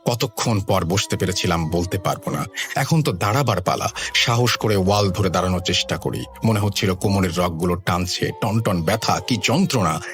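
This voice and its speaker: Deep-voiced man narrating horror. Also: normal speed, a bit bright, soft background music. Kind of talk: scripted horror story narration.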